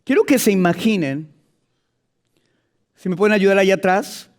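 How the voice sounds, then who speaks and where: High-voiced preacher. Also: male voice, normal speed. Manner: lively storytelling, swings between quiet asides and loud emphatic preaching. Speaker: pastor. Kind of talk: sermon.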